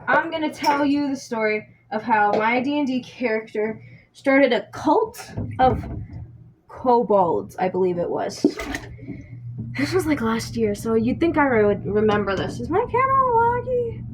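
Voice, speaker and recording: A woman's voice: on the high side, a little slow. A young woman vlogging in a casual, rambling storytelling style, spacey and scattered, as she talks while washing dishes. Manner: spacey, scattered, self-interrupting. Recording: noisy room with dish-washing sounds. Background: scuffling and clatter of dishes.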